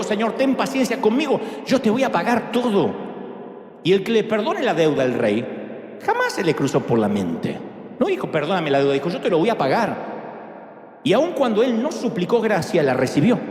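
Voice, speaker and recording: Lively, high-voiced male preacher in an echoing hall. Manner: animated, humorous preaching with big swings in pitch. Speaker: pastor. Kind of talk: sermon. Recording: echoey hall sound.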